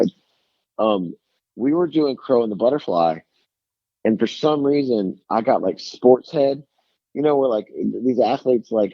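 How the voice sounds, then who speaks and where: On a dry recording with clipped highs, a guest musician calls in from his house by a lake and spins loose, self-deprecating yarns. His voice sits in the mid-range and carries a heavy Tennessee drawl. He keeps starting his sentences over in this relaxed phone interview.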